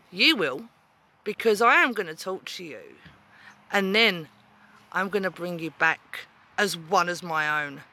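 A woman's voice: on the low side, sharp tone. A woman playing a gloating demon queen of the underworld in a menacing villain promo, with cackling laughs.

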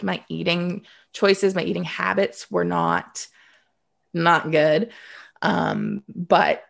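A woman's voice: on the low side, vocal fry. A woman of about thirty from Canada, a guest telling her story in a candid, reflective way, now and then dryly sarcastic, often restarting her sentences. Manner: reflective, open, with dry sarcasm and frequent restarts. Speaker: interview guest.

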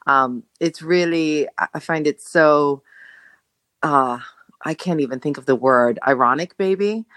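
A middle-aged woman from Jamaica, a podcast guest telling her story in a reflective way, pausing to search for words. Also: deep voice, a bit bright, no room sound. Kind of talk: casual conversation.

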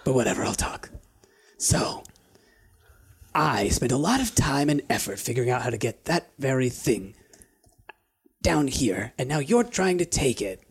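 A man voicing a sly, menacing lizardfolk mercenary in a tabletop game, with a hushed, drawling, taunting delivery that slips toward a whisper. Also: mid-range voice, lively intonation, measured pace, creaky, pauses often, husky, exaggerated voice. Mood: threatening. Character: sly, menacing tall lizardfolk mercenary, mocking and money-minded.

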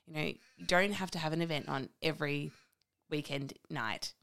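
Low-voiced young woman co-host. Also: moderate pace, gravelly, fairly bright tone. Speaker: podcast co-host. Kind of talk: casual chat.

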